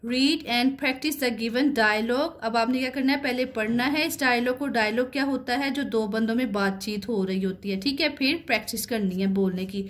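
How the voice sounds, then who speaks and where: A woman working as an online teacher who explains a children's English lesson, reading the English lines slowly and deliberately, then explaining them, with frequent rising "right?" checks. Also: a little high.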